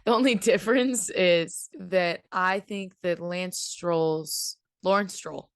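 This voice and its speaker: A woman's voice: on the low side, takes it slowly. A young woman co-hosting a podcast, chatting casually, giggly and rambling. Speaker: podcast co-host. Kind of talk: casual chat.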